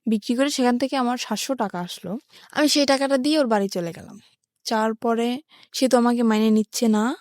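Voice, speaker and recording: On the high side and a little mellow, this voice moves briskly in a dry recording. A Bangladeshi-accented woman from a rural area plainly narrates her life story, one step at a time, for a radio interview.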